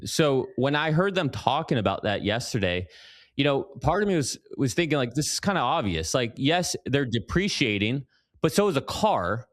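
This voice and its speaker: A man hosting an interview over a video call, asking long questions with many restarts. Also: mid-range voice. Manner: hesitant, restarts, laughs easily. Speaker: interviewer, podcast host.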